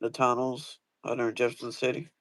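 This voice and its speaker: A man's voice: mid-range voice, level tone, moderate pace, a bit bright, dry recording. A man chatting casually as host, rambling through a story with many fillers and restarts. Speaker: host asking guest questions.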